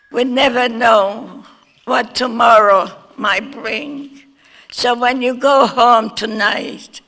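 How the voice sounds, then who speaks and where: A woman, a Holocaust survivor speaking slowly and earnestly to students as a guest speaker. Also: on the high side, gravelly, pushed and bright. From Germany. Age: 90s. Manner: slow, earnest storytelling. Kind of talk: personal testimony talk to students. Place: school forum hall. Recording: echoey hall reverb.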